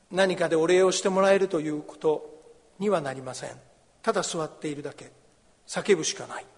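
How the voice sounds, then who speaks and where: High-voiced pastor preaching in a reverberant hall. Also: male voice. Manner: explains scripture, acts out the beggar's and crowd's cries. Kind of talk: sermon.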